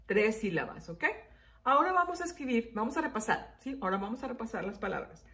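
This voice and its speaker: A woman's voice: a little high, big pitch swings, fast, pushed and bright. A woman teacher giving a children's spelling lesson. She repeats each word and its syllables and keeps checking in with "ok?".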